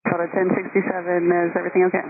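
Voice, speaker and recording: A woman's voice: on the low side, completely flat delivery, very fast, phone-quality sound. A woman working as an air traffic controller, giving composed, courteous procedural instructions over the radio.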